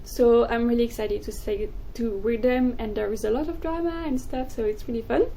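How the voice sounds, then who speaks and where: A young woman, a native French speaker, chatting excitedly about books in a casual vlog. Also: on the high side, a little hiss or hum, rough recording. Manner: excitable, gushing, quick bursts. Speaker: book vlogger. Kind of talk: casual chat to camera.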